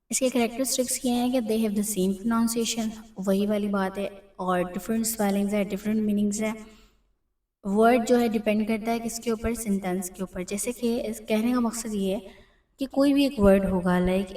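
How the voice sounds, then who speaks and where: Urdu-accented woman teacher, patient and repetitive, mellow tone, roomy sound from a distant mic. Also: medium pitch. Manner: patient, repeats key points, mixes English terms into her talk. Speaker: English teacher. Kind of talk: explaining a lesson over slides.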